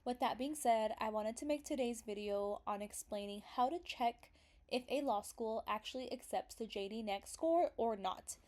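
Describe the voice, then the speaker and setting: A woman's voice: a little high, normal speed, a little mellow. A young woman getting over a cold, sniffly as she talks through a casual screen tutorial in a chatty, hesitant way full of fillers. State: recovering from illness, sniffly. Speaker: vlogger explaining law school admissions.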